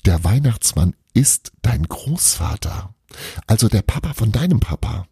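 A man's voice: on the low side, sing-song, measured pace, dark tone, slightly rough, no echo, studio quality, voice pushed up, full character voice. A man reading a storybook aloud, voicing a cheeky girl who insists on her wild tales in a playful, teasing manner. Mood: insistent.

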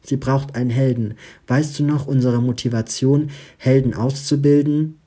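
A man's voice: mid-range voice, steady tone, moderate pace, dark tone, natural voice. A man voicing a determined, worried young female student in an audiobook reading, urgent and pleading. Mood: earnest.

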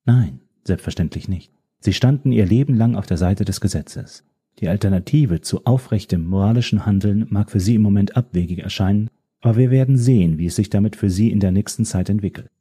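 A man voicing a calm, mysterious woman informant who speaks in a measured, quietly menacing way. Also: lowish voice, husky. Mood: cool, composed.

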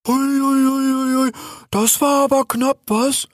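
A big, childlike male bear speaks in a high, slow, plaintive voice, as a man puts him on. He is soft-hearted and quick to fret. The reading is dry and close. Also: little pitch movement, dry recording. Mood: worried.

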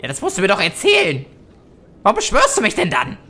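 A woman's voice: mid-range voice, wildly swooping pitch, fast talker, sharp tone, slightly rough, exaggerated voice. A woman voicing a cheeky little talking raven familiar in a tabletop role-play, brash and mouthy. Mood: grumbling.

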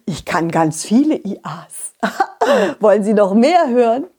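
Woman as a lonely male donkey, husky, lively in pitch, drawn-out sighs. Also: heavily acted. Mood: smitten. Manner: sighing and hesitant. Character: lonely, plodding male donkey hauling apples.

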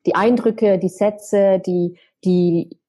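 Woman, travel blogger, warm dark tone, slightly husky, chatty with restarts. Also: medium pitch, slow. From Germany. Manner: lively, thinks aloud with fillers and restarts. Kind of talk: casual podcast conversation.

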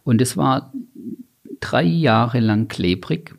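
A middle-aged man, a company founder, giving measured, deliberate interview answers that he sets out in lists. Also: mid-range voice, expressive, gravelly. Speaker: company founder and guest expert.

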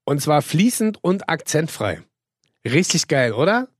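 A man's voice: fairly high pitch, very animated, a little slow, slightly rough, no echo, clean studio sound. A man co-hosting a casual podcast, joking, laughing often and talking at length. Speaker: podcast co-host. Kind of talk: casual chat.

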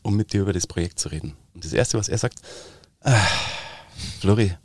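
Man, Bavarian accent, fairly low voice, lively anecdotes, dialect impressions, dry close sound. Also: racing, no echo. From Upper Bavaria, Germany. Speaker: actor guest. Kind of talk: casual interview chat.

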